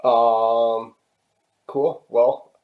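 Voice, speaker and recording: A man's voice: mid-range voice, flat delivery, extremely slow. A man hosting a podcast interview in a casual chat, giving short encouraging replies, his voice muffled as if he were talking through a cardboard tube on a payphone. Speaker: podcast host. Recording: muffled lo-fi remote call audio.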